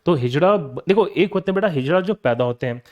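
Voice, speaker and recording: Brief: young male teacher, fairly high voice, drills terms through repeated questions. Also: expressive, a little fast, muffled recording. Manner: repeats questions and answers them himself; calls students "beta". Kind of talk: classroom lecture.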